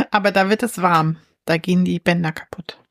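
A woman's voice: fairly low pitch, normal speed, dry recording, studio quality. A woman co-hosting a casual podcast chat, talking with enthusiasm, thinking aloud and laughing often. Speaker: podcast co-host reviewing comics.

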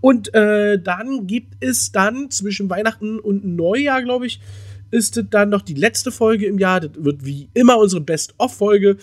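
Male podcast co-host from Germany, slightly higher voice, casual rambling delivery full of fillers. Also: a little slow. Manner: rambling, many fillers and restarts.

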